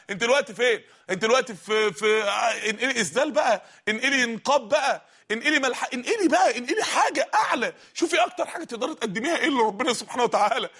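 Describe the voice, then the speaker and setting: A male preacher with an Egyptian Arabic accent delivers a fervent sermon at a breakneck pace. His voice sits very high and sounds bright and forceful, and he rises into shouts as he exhorts the congregation. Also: breathy edge. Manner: fervent, fast, sometimes shouting. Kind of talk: impassioned sermon.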